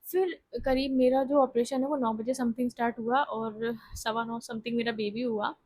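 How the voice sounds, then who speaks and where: A woman's voice: a little high, fairly even intonation, moderate pace, a little mellow, no room sound. A young woman vlogger candidly telling a personal story, laughing often as she talks.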